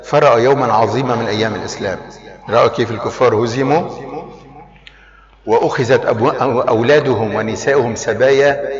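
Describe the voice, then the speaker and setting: Impassioned preacher in an echoey hall. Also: male voice, mid-range voice, steady tone, quick pace. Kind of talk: sermon. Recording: echoey hall, lo-fi, crowd behind.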